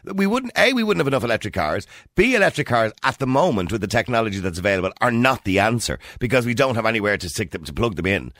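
An Irish man hosts a combative radio phone-in. His voice is on the low side and very animated, and he talks fast in a dry studio sound. He presses his point insistently and cuts in. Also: dry recording. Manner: argumentative, insistent, interrupting. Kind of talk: combative talk radio debate.

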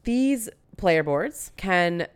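A woman with a low, smooth and clear voice co-hosts a casual board game chat. She speaks in a measured, wry way and chooses her words with care. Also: lively intonation. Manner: measured, wry, precise word choice. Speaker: podcast co-host.

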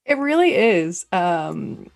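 A woman co-hosting a podcast in casual chat, wry and playful with quick asides. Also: fairly low pitch, sing-song, gravelly, dry recording, clean studio sound. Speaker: podcast co-host.

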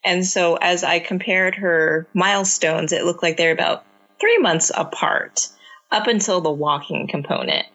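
A parent guest whose first language is Cantonese answers interview questions about raising her young child, speaking earnestly and reflectively and often restarting her sentences. Her voice is fairly low and fairly bright with a breathy edge, at a measured pace, on a lo-fi recording.

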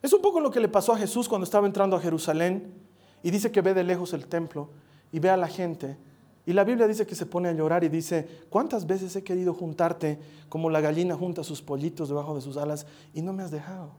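A man preaching a sermon, telling animated stories, acting out voices and dropping to a hush. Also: high voice. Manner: animated storytelling, acts out voices, drops to a hush.

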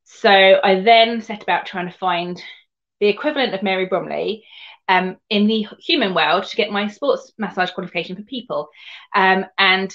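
A woman with a soft-edged lo-fi sound speaks in a home counties English accent. She tells her story as an interview guest in a conversational, rambling way, often feeling for the next phrase. Her pitch sits in the middle for a woman. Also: normal speed. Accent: southern English, home counties. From Surrey, England. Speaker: guest, equine sports massage therapist.

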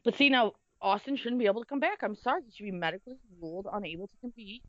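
A woman's voice: medium pitch, expressive, rapid-fire, fairly bright tone, dry recording. A woman co-hosting a podcast, chatting casually and asking wry questions while watching wrestling. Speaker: podcast co-host. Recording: dull lo-fi podcast audio.

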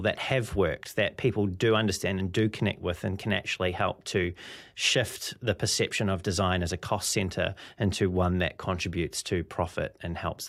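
A man hosting an interview, asking long, measured questions and quoting his guest. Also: low voice, a bit bright. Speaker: interviewer, host.

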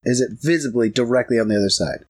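A man's voice: medium pitch, fast, darkish tone. Blunt male player, mid-range voice. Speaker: tabletop game player. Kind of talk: casual in-game role-play and banter.

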